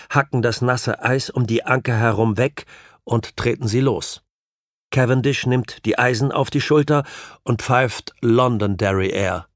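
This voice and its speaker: A man reading a novel aloud as an audiobook narrator, in measured, even storytelling. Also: medium pitch, no echo, clean studio sound. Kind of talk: scripted literary narration.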